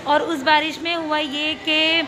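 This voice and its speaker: A young woman, a schoolteacher, vlogging casually on a phone as she walks around a school, chatting and gently coaxing a child with questions. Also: high voice, flat delivery, unhurried. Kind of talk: casual vlog chat. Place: school grounds and corridors. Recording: loud crowd and ambient noise. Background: children playing and chatter.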